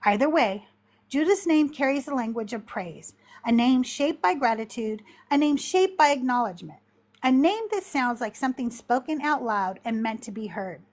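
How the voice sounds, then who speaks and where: Higher-voiced woman teaching scripture. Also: expressive, a little mellow. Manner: measured, reflective explaining with lists. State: short of breath. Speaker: podcast host teaching on scripture. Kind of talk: live-streamed Bible study talk.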